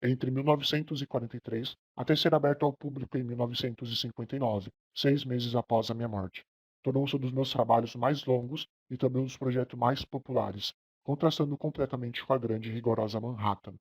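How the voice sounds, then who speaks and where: A young Brazilian man speaking as a famous old American architect, reading a scripted first-person account in a steady, proud tone for a class project. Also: mid-range voice, brisk, no echo, close to an everyday voice. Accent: Brazilian Portuguese. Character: famous elderly male American architect, proud of his work. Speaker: architecture student.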